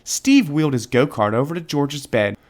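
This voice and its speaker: Reading a children's storybook at normal speed, a man uses a fairly high, expressive voice and lands key words with dramatic weight. It's lively, scripted narration.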